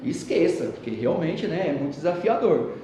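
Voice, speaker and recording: A man giving a motivational talk, telling a story and speaking directly to a live audience in an animated way. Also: normal speed, far from the mic. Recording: echoey hall with faint rumble.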